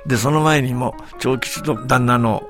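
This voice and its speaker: A man who tells a folktale and then explains it in a relaxed, chatty way as a folklore scholar. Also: mid-range voice, moderate pace, over music. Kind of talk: folktale telling and explanatory talk.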